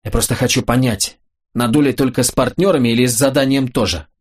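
A man reading an audiobook, voicing a cool, sharp-tongued young woman who gives orders in an imperious, sarcastic way. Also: mid-range voice, fast talker, slightly rough, lightly acted. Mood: commanding.

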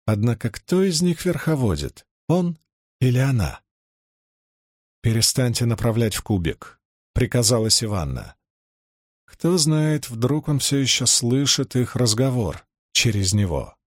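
Мужчина читает фантастический роман вслух, как рассказчик аудиокниги. Интонация у него живая и подвижная, голос заметно гуляет по высоте. Запись сухая, без эха в комнате. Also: male voice, mid-range voice, dry recording, clean studio sound. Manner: expressive storytelling reading. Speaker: audiobook narrator. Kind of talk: scripted fantasy narration.

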